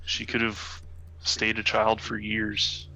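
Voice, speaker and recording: A man's voice: lowish voice, monotone, takes it slowly, sharp tone, poor audio. A man playing a tabletop role-playing game, chatting casually in and out of his role. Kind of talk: casual role-play chat.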